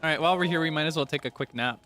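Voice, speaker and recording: Fairly high-pitched and racing, this man's voice sounds bright and forceful as he livestreams a game as a VTuber. He chats casually and playfully with his viewers while game music plays behind him.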